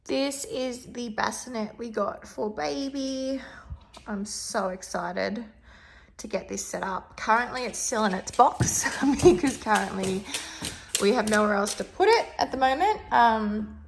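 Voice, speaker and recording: A woman's voice: fairly high pitch, unhurried, gravelly, a little hiss or hum. A young pregnant woman with an Australian accent, chatting casually through a day-in-the-life vlog with ums and small laughs. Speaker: vlogger.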